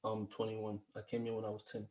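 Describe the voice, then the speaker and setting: A man's voice: on the low side, monotone, quick pace, a little mellow, echoey room. A man in his twenties from the Congo, a podcast guest talking casually and rambling, with slang and frequent restarts. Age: 20s. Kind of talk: casual conversation.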